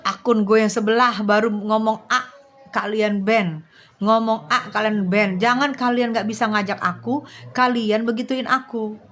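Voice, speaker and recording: A woman's voice: on the high side, fairly even intonation, a little slow, a bit bright. A woman, livestreaming and talking bluntly and directly to her viewers. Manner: blunt, slangy, speaks straight to her viewers. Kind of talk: live stream chat.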